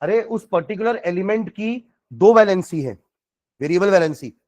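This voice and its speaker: A man teaching chemistry, dictating notes slowly word by word and asking students rhetorical questions, mixing Hindi and English. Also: high voice, expressive, darkish tone. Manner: mixes Hindi and English freely. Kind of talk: classroom lecture with dictation.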